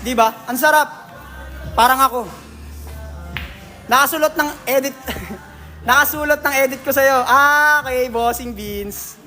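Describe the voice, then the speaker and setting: A man's voice: very high-pitched, fairly even intonation, measured pace, long pauses, pushed and bright, faint music behind. A man with a Filipino accent hosting a casual livestream, reading out viewer comments in a jokey, teasing way and laughing often. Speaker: livestream host at a billiards hall.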